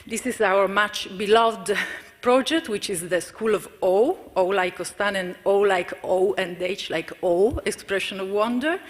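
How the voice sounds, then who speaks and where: A woman's voice: medium pitch, unhurried. Woman speaking in a hall. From Italy. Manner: hesitant, many fillers and restarts. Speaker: community cooperative representative. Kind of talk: conference presentation. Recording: reverberant conference hall.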